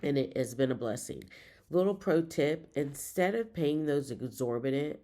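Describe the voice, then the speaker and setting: A woman's voice: sits low, lively intonation, normal speed, dark tone. A woman giving a casual, chatty vlog update as a reseller, winded and rambling along upbeat. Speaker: reseller vlogger.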